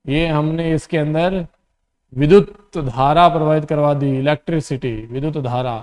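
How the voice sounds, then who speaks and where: Hindi teacher quizzing and repeating, fairly high voice. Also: male voice, fairly even intonation, normal speed, darkish tone. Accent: Rajasthani Hindi. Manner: asks questions and repeats answers, calls students "beta". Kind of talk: classroom lecture dictating definitions.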